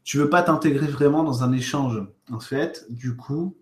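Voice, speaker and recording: A man's voice: medium pitch, normal speed, a little hiss or hum. A man coaching viewers live in a casual Q&A, thinking aloud with fillers and restarts and speaking to each viewer directly. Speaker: spiritual coach answering viewer questions. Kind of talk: casual livestream Q&A. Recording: roomy echo.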